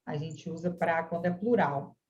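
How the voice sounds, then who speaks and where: A woman's voice: low-pitched, moderate pace, darkish tone, dull audio. A woman from Brazil teaching an online English class, patiently and encouragingly modelling words for her students over a video call.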